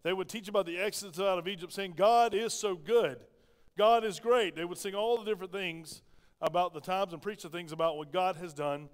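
A man's voice: sits high, steady tone, fast talker, smooth. A man with a Southern American accent, preaching a sermon in a church and asking the congregation plenty of rhetorical questions. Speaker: pastor. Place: church sanctuary. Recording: long reverb of a church hall.

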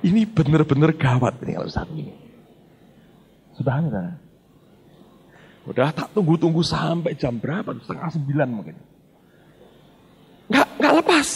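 A man's voice: on the high side, sing-song, normal speed, long pauses, breathy edge. A middle-aged male pastor, telling a story in a sermon and acting out the dialogue while addressing the congregation.

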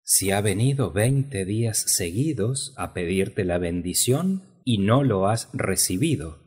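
A gentle younger sister pleading softly with her older brother, put on by a man reading an audiobook. The voice is quiet, low and husky, and unhurried. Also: lively intonation, exaggerated voice.

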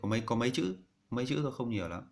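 A man's voice: mid-range voice, animated, racing, a little mellow. Man teaching pronunciation, repeating syllables. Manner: repeats each syllable after a recording, then explains it plainly. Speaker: Chinese teacher. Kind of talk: casual language lesson.

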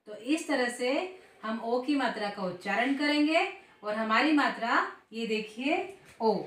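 A woman teacher walks small children through a phonics lesson. She speaks very slowly, stretching each syllable plainly, and her voice is bright and fairly high. A faint hum of ambience sits under the recording. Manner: slow, clear, drawn-out syllables for young children. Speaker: school Hindi teacher. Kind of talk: primary-class phonics lesson.

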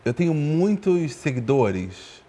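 A man's voice: fairly high pitch, very animated, slow pace, mellow. A man, co-hosting a comedic guessing game with playful, teasing banter.

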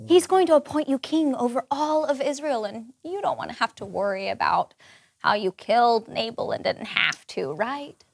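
A woman in her thirties playing a brisk, resourceful, diplomatic wife in a comic children's Bible sketch. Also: fairly high pitch, expressive, gravelly. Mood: persuasive. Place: studio with green-screen backdrop.

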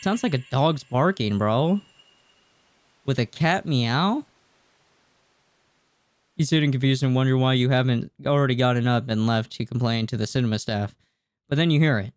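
Reading a game's text at a moderate pace with long pauses, this twentysomething gaming YouTuber has a mid-range voice and reacts casually. The sound is dry, recorded on a close desk microphone in a small room at home over game music.

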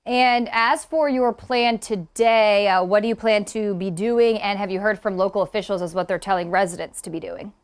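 A woman's voice: mid-range voice, fairly even intonation, moderate pace, hardly any pauses, smooth. A woman co-anchoring a weather newscast, asking questions in a live interview.

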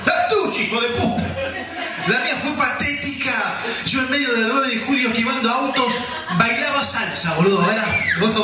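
A man with a Rioplatense accent delivering a deadpan stand-up monologue to a live audience. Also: very high-pitched. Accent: Rioplatense Spanish. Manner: deadpan storytelling with punchlines. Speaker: comedian. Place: event hall with a live audience. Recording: echoey hall, distant mic, loud crowd. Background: audience laughter.

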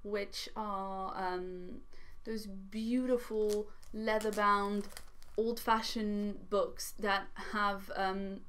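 A woman's voice: medium pitch, very slow. Chatty young French woman book vlogger. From France. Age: young adult. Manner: chatty, animated, frequent ums and uhs. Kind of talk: casual chat to camera. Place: small indoor living room by a fireplace.

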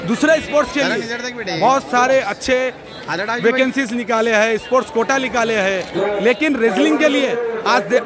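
A middle-aged man, a wrestling organizer giving a loud, pleading press statement into news mics, repeating phrases for emphasis. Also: very high-pitched. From Hyderabad, India. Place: outdoor stadium at night, wrestling crowd. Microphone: cluster of handheld news mics. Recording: outdoor event with loud crowd.

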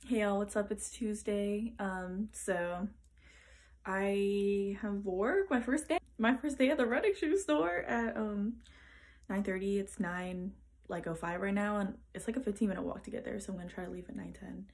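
A woman's voice: medium pitch, moderate pace, darkish tone. A woman, chatting casually to her phone camera in a student vlog, upbeat and full of fillers. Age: 20s. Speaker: college student vlogger.

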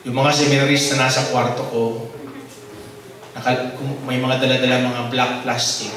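Priest telling a story in a sermon. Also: male voice, medium pitch, normal speed, slight background noise. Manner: animated storyteller acting out dialogue. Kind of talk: sermon testimony. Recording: distant mic in very echoey hall.

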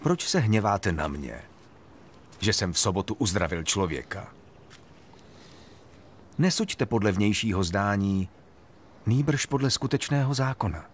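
A man voicing Jesus as a calm, authoritative teacher, speaking in a solemn, measured way over soft music in a Bible story. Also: fairly low pitch, slight background noise.

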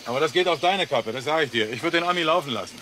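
An actor dubbing a stubborn, big-hearted middle-aged trucker in a TV series, talking in a gruff, dry, matter-of-fact way. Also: male voice, fairly high pitch, expressive, very slow, pushed and bright, slight background noise, exaggerated voice. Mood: gruff, impatient. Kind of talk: 1980s German TV series dub. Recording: TV soundtrack with music underneath.

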